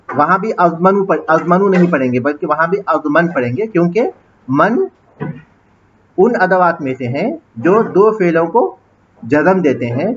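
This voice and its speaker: A male teacher giving a classroom lecture, explaining grammar step by step, quizzing his students and reciting Arabic passages slowly. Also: fairly high pitch, highs cut off, slight background noise. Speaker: teacher of an Islamic studies course.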